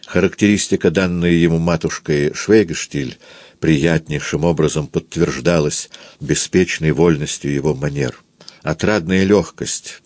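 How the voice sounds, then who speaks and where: Deep-voiced man reading a novel aloud. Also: a little mellow, no echo. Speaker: narrator. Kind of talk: audiobook literary narration.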